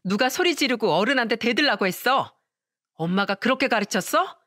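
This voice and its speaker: A woman voicing a young divorced mother who speaks softly and earnestly. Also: a little high, expressive, a little fast, no echo, clean studio sound, voice pushed up. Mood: scolding.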